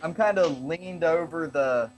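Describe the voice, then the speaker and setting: A man's voice: fairly high pitch, a little slow, a little hiss or hum. A man playing a tabletop game, schmoozing playfully in character. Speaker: player.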